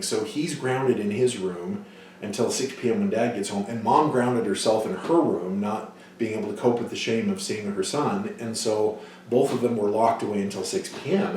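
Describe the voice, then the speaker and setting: A man gives a psychology lecture, telling case stories and acting out voices in them. His voice sits fairly low and sounds distant from the mic. The hall around him is heavily echoey, with faint noise behind. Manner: storytelling, acts out quoted voices loudly.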